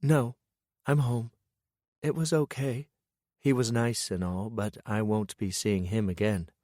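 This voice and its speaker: Soft, hesitant young woman, put on by a male narrator, audiobook romance, dry close sound. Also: fairly low pitch, steady tone, a little slow, no room sound, voice pushed up, natural voice. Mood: subdued. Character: young woman, gentle and apologetic. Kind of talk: audiobook character voice.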